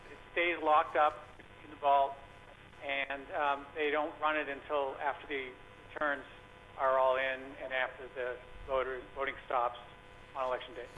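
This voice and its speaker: A man calling in to a talk show over a landline phone, speaking casually with hesitant pauses and fillers. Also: fairly high pitch, bright, forceful tone. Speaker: caller. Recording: dull lo-fi phone line with faint hiss.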